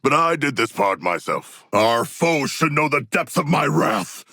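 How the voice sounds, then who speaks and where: An actor playing a proud, eloquent humanoid shark warrior in a video game, with a gravelly, husky voice and stilted, grandiose formal diction. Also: male voice, a little high, sing-song, unhurried, pushed and bright, no echo, clean studio sound, heavily acted. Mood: fierce, exultant. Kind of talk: theatrical video game voice lines.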